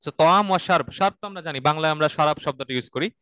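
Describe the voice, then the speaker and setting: Male Quranic Arabic teacher, high clear voice, dry close mic, patient step-by-step drilling. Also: fast, bright, forceful tone, no room sound. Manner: explains step by step, repeats words for students to say after him. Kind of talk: online class lecture.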